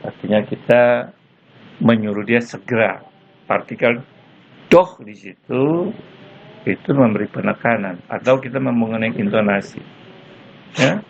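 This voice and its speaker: A male university lecturer explaining patiently and slowly, tagging his points with "ya", recorded as a lecture on a phone or laptop mic. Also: medium pitch, gravelly. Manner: slow, patient explaining with frequent "ya" tags. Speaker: German lecturer. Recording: lo-fi phone-like recording with faint noise.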